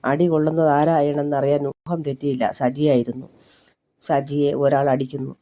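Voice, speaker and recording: A storyteller reading a story aloud in steady scripted narration. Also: medium pitch, moderate pace.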